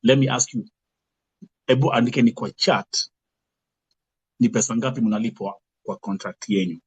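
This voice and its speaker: A man with a Kenyan accent hosting a casual interview, code-switching and haltingly repeating words as he frames points. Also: medium pitch, husky. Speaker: interview host.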